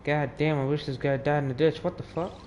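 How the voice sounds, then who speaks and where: In a noisy home gaming recording, a teenage boy offers muttered, sweary, offhand commentary on his gameplay. His voice is on the high side, steady in tone, fairly quick and a little mellow.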